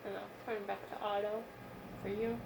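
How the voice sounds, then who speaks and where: A young adult woman recovering from a wisdom tooth extraction chats casually, dramatically retelling moments and acting out people's quoted lines. Her voice is gravelly and medium-pitched, level in tone at a normal speed, over a noisy background.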